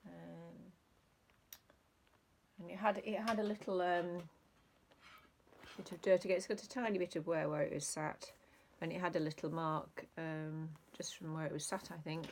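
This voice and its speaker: Low gravelly woman vlogging. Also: flat delivery, normal speed, darkish tone, a little hiss or hum. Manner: rambling, hesitant with many ums. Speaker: reseller vlogger. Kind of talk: casual chat.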